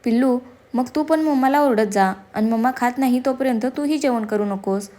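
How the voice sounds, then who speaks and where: A woman voicing a caring young mother who warmly urges her guests to stay in an audio story. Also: a little high, fairly quick, close to an everyday voice.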